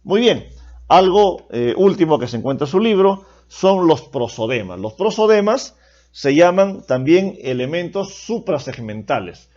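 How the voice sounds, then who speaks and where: A man's voice: a little high, big pitch swings, unhurried, darkish tone. A man teaching a class in a patient, explanatory way, often asking questions and adding a checking "¿no?" after his points. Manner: explanatory, asks rhetorical questions with tag "¿no?". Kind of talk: classroom lecture. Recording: dull lo-fi recording.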